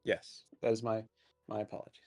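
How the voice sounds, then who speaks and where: A man calling mechanics for his group over voice chat during an online game raid, relaxed and quick to laugh. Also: fairly low pitch. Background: game music.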